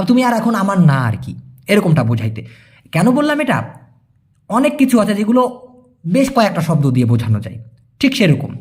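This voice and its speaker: A man from Bangladesh giving a casual spoken language lesson, repeating each word slowly for pronunciation and talking to viewers as brothers. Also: sits high. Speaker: language teacher.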